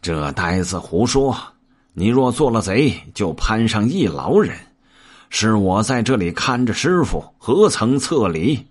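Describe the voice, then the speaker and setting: A man's voice: on the low side, sing-song, a little slow, slightly rough, exaggerated voice. A man voicing a clever, teasing monkey monk in a told story. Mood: mocking. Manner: teasing, chuckling.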